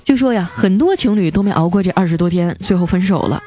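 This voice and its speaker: Quick and expressive, a young comedy podcast host with a lowish, dark voice tells scripted jokes, timing each punchline playfully. Soft background music plays behind her scripted comic storytelling.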